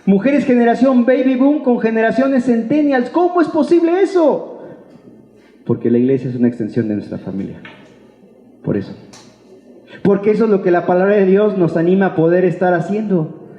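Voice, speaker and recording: With a high, mellow voice, big pitch swings and a moderate pace, this man preaches an informal sermon as a pastor. His Mexican Spanish accent carries a colloquial, playful delivery to the church congregation, full of rhetorical questions and acted-out imagined remarks. The reverberant church hall produces a dull, echoey recording with long reverb.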